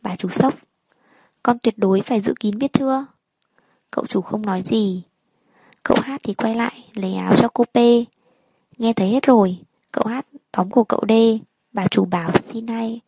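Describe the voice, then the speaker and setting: A woman telling a first-person story in a plain, even narrating manner. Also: medium pitch, normal speed, vocal fry, husky, no echo, low-quality recording.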